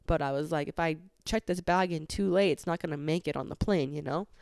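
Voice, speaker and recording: A woman podcast host chats through a story in a loose, filler-heavy way, her voice a touch lower than most and smooth and clean. The sound is dry and close, with no room around it. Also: fairly quick, a little mellow, no echo. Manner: chatty, many filler "like"s, exasperated retelling. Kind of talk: casual storytelling monologue.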